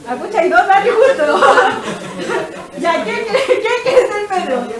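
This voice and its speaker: A woman preaching a lively sermon, acting out the story and directing the congregation. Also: very high voice, slow, a crowd in the background, low-quality recording. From Chile. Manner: animated storytelling, directing the congregation, laughs often.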